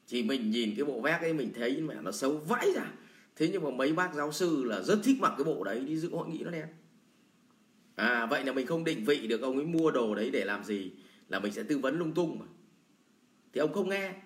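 A man's voice: medium pitch, lively intonation, fairly quick. A man teaching sales in a blunt, colloquial lecture full of everyday examples. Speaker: sales trainer. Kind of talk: lecture answering a viewer question. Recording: roomy echo.

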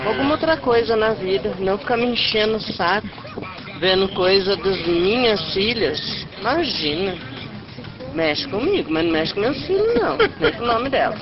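A woman's voice: medium pitch, lively intonation, normal speed, muffled recording. A woman leaving a sassy, scolding voice message for a radio show. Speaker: caller.

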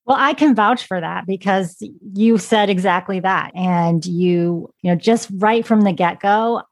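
A woman hosts a podcast interview, asking questions with curiosity and thinking aloud as she goes. She has an everyday, middle-pitched voice for a woman. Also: a little slow. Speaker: podcast host. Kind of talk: conversational interview.

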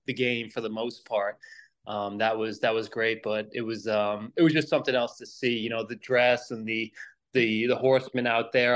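A man's voice: mid-range voice, fairly bright tone. A man from Long Island with a New York accent, a podcast guest chatting casually in a rambling, self-deprecating way.

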